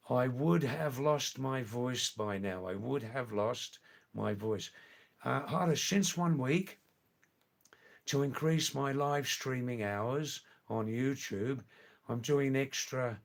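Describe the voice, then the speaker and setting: This older man runs a live stream where he chats loosely with viewers, replying to comments in a slow, wandering way that circles back over the same words. His medium-pitched voice carries vocal fry.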